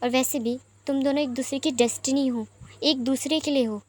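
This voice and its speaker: A woman voicing a gentle young man who earnestly reassures a friend. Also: sits high, steady tone, normal speed.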